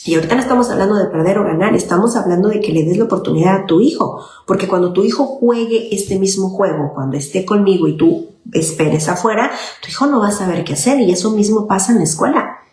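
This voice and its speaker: A woman's voice: medium pitch, expressive, fast, a little mellow. A woman child psychologist, explaining parenting in an informal talk and often checking in with "okay?". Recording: echoey room with faint noise.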